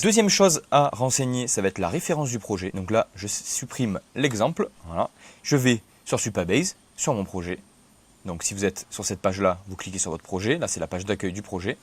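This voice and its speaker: Husky-voiced young man walking through a tutorial. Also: on the low side, expressive, fairly quick. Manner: casual, chatty step-by-step explaining. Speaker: tech tutorial host. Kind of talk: screen-recorded software tutorial.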